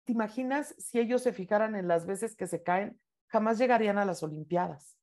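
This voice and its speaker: A woman's voice: medium pitch, brisk, a little mellow. A woman leads an online reading club in casual talk. She speaks with emphatic encouragement, leaning hard on key words as she tells her own stories. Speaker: book club host and speaker.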